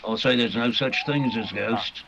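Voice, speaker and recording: A man playing Inspector Lestrade, a gruff, determined, plain-spoken policeman in 1940s radio mystery style. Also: mid-range voice, unhurried, a crowd in the background. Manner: blunt, colloquial working-class speech. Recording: dull, clearly noisy live recording.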